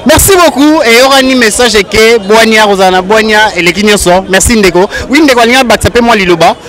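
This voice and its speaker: A male reporter running a brisk street interview outdoors in a city. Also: sits high, a bit bright, some chatter behind.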